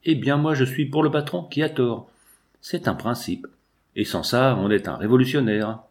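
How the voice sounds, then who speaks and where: A man's voice: medium pitch, moderate pace, close to an everyday voice. A man voicing a blunt, opinionated working man who speaks assertively.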